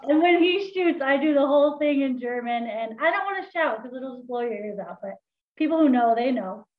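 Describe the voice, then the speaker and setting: A woman's voice: high-pitched, lively intonation, brisk, phone-quality sound, a little hiss or hum. A woman who works as a range officer, chatting in a playful, self-deprecating way. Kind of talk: casual chat.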